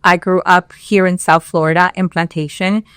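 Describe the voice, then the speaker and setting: A woman from Peru who moved to the US as a child, talking as a podcast guest in a measured way, pausing often with fillers. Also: lowish voice, steady tone, a bit bright, clear, resonant tone, dry recording, studio quality. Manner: measured, with frequent pauses and fillers. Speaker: podcast guest, regional director. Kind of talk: interview conversation.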